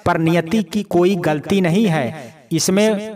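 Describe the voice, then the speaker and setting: A man voicing Rachna, a meek, sad young wife who speaks softly and apologetically, in a storybook reading. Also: high voice, slow, a crowd in the background. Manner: soft, apologetic.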